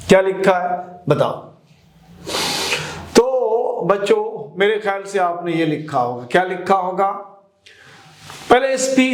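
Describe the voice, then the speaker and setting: High-voiced man teaching in an echoey room. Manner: asks rhetorical questions and repeats answers; addresses students as children. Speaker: chemistry teacher. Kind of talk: classroom lecture to students.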